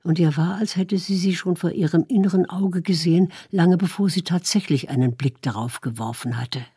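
A woman reading a story aloud in calm, measured narration. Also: fairly low pitch, breathy edge, no room sound, studio quality. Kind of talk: audiobook narration.

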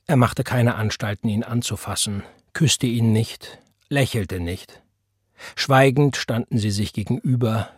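A man giving measured, solemn audiobook narration into a close mic. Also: medium pitch, husky, no room sound.

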